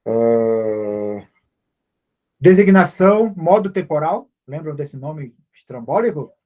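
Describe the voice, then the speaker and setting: A man's voice: a little high, lively intonation, moderate pace. A man with a Brazilian Portuguese accent teaching an online language class in an informal, patient way, often checking that students follow. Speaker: Hebrew teacher.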